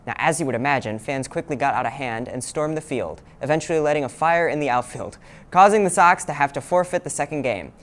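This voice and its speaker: A young male reporter narrates a scripted sports feature. He leaps up in pitch to announce each new entry, then settles back down into steady storytelling. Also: quick pace. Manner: animated, swooping emphasis on each new item. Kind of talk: scripted news package narration.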